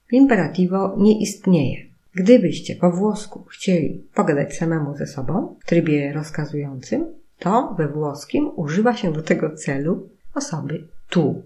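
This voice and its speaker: A woman teaching an Italian grammar lesson, explaining slowly and stressing each example word. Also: low-pitched, dark tone. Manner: slow, careful explaining with emphatic model words. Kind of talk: recorded language lesson.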